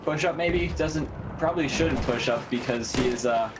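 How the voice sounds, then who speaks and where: A man giving quick, energetic play-by-play commentary on an online game match, laughing easily, with game gunfire going on behind him. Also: medium pitch, background noise. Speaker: esports commentator. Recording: game gunfire loud in the background.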